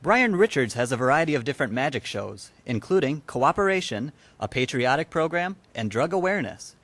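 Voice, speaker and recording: A man's voice: mid-range voice, sing-song, a little fast, fairly bright tone. A man reading a scripted local news feature as a reporter's voice-over. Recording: voice-over with prominent music behind.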